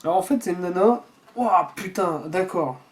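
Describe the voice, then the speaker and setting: A man's voice: high voice, normal speed. A man chatting casually while unboxing a subscription box at home, rambling and swearing freely. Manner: rambling with frequent restarts.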